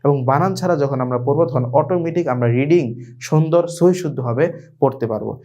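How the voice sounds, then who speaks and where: A man teaching an online Quran reading lesson, patiently explaining and slowly drilling syllables aloud. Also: on the high side, mellow. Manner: slow, repetitive drilling of syllables; addresses students directly, patient explaining.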